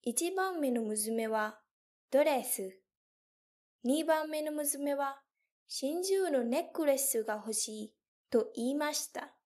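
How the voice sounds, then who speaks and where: A young woman teacher telling a story slowly and carefully for learners, with clear, deliberate phrasing. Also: high voice, lively intonation, a little mellow. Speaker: language teacher.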